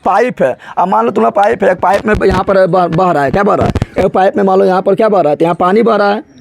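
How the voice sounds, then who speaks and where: A man's voice: sits high, fast talker, vocal fry, background noise. A man teaching a biology lesson, asking the class question after question and answering them himself in colloquial, regional speech. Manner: drills students with repeated questions and answers.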